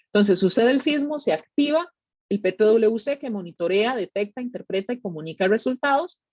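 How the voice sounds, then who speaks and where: A woman's voice: fairly high pitch, expressive, a little fast, darkish tone, dry recording. A woman with a Costa Rican Spanish accent giving an explanatory educational talk in a conversational way, often checking in with short tag questions. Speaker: tsunami monitoring specialist giving a public talk.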